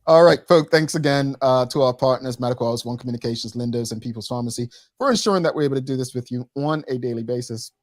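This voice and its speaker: A man's voice: medium pitch, fast talker, hardly any pauses, dry recording, clean studio sound. A man hosting a casual daily talk show, upbeat, announcing giveaways and signing off. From Bermuda. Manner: upbeat, announcer-like sign-offs.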